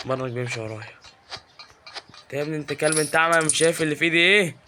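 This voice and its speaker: Speaking rapid-fire in a fairly high voice, this Egyptian-accented man teases his way through a game, shouting at its characters with plenty of excitement. He's a gaming YouTuber, and there's slight background noise behind him.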